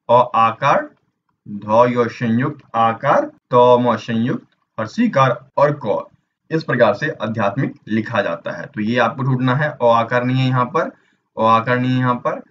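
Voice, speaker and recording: A man leads an exam-prep Hindi lesson at a mid pitch, spelling each word out letter by letter and stopping to ask the viewer which option is right. The recording is a little dull and lo-fi, with a faint hum of room noise behind his voice. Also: fairly bright tone. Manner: spells words out letter by letter, asks the viewer questions.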